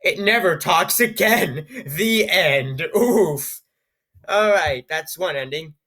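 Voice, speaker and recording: A man's voice: high-pitched, animated, slow pace, pushed and bright. A man reading an AI-written story aloud, breaking off for sarcastic, amused comments and stumbling over odd words. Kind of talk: reading aloud with joking asides.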